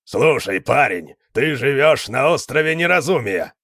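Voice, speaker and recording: A man voicing a burly, rough, jovial male islander in a read-aloud story, with a loud, bellowing, boisterous manner. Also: on the low side, expressive, moderate pace, dry recording, clean studio sound, heavily acted.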